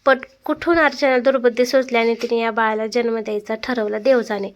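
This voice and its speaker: A woman's voice: a little high, fairly even intonation, brisk, muffled recording, close to an everyday voice. A woman voicing a young husband, blunt and self-justifying, in a read-aloud family story. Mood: defiant. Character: young husband, defensive then cornered.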